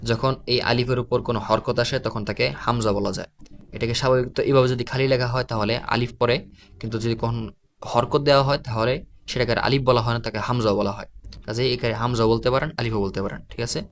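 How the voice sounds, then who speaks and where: Male Quran teacher, level monotone delivery, slow and patient, repeats letter sounds, faint noise behind. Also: medium pitch. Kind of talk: recorded online lesson.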